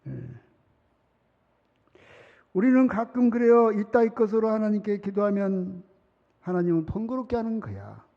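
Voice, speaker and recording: A man's voice: sits high, expressive, normal speed, long pauses. A middle-aged man preaching a sermon as pastor, chatty, laughing often and acting out children's pleas. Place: large church sanctuary. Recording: reverberant hall, muffled sound.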